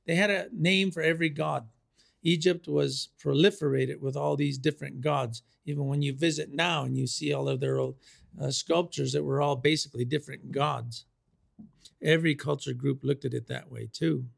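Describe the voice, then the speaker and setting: A male preacher delivers a sermon at a measured, deliberate pace. His voice sits a little high and carries a gravelly rasp. He stresses key phrases by repeating them. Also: steady tone.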